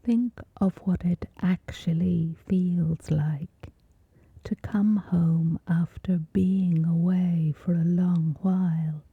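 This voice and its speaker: A woman guides listeners through a scripted sleep meditation, her whispery voice soft, gentle and soothing, leaving long pauses after each short phrase. She sits on the low side, keeps a steady tone and sounds slightly rough. There's no echo, but the sound is narrow and tinny.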